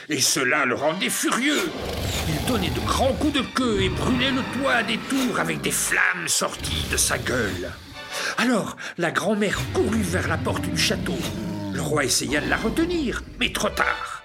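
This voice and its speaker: An expressive storyteller reading a children's tale, the voice rising and falling freely from phrase to phrase. The pitch sits in a middle range, and music plays behind the reading. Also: measured pace, vocal fry. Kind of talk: scripted narration of a children's tale.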